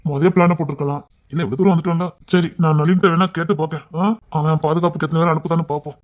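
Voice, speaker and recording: A man playing a fast-talking teasing young husband. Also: fairly high pitch, steady tone, lightly acted. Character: young husband bantering with in-laws. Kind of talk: audio drama acting. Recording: dull, muffled recording.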